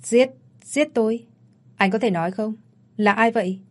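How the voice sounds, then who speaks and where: A woman's voice: a little high, moderate pace, a little mellow, natural voice. A woman voicing a frightened young woman who pleads and cries out for help. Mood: terrified. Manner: pleading, crying out.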